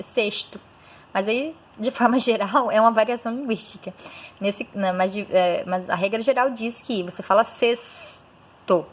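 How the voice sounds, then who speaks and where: A woman's voice: fairly high pitch, a bit bright. Woman teacher sounding out words. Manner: sounds out words slowly, syllable by syllable; frequent checking "certo?". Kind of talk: recorded school lesson.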